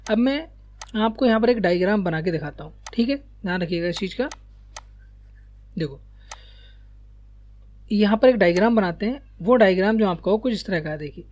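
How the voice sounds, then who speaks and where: A man teaching a lesson, walking students through a diagram step by step and often pausing to check that they are following. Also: high voice, a little mellow. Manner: repeats checks like "ठीक है" and "ध्यान रखिएगा", sprinkles English terms.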